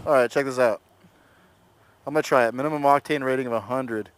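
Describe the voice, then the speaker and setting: A man's voice: medium pitch, steady tone, brisk. A young man vlogging from his motorcycle, chatting casually and laughing at himself as he rides with a club. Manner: chatty, self-mocking, laughs often. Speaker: motovlogger. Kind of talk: casual vlog commentary while riding. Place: outdoors on a motorcycle in city traffic. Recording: road and engine noise behind.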